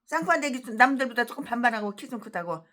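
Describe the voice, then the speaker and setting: A woman pastor preaching a fiery sermon, ranting and cursing with emphatic repetition, then reading scripture slowly. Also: on the high side, expressive, sharp tone. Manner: slow drawn-out scripture reading.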